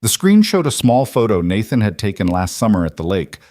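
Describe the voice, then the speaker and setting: A man reading a scripted story in a calm, measured, soft-spoken way. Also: lowish voice, no room sound, studio quality.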